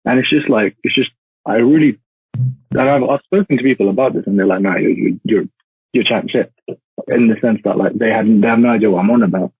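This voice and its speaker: Over a tinny, phone-like call with no room sound, a young man in his twenties who grew up in India talks quickly as a podcast guest. He's a law graduate whose low-ish, breathy voice rambles on with lots of "like."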